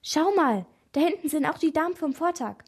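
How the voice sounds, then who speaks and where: A woman voicing a nervous, excitable young girl who talks in an anxious, breathless way. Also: high voice, normal speed, pitched above the performer's own voice.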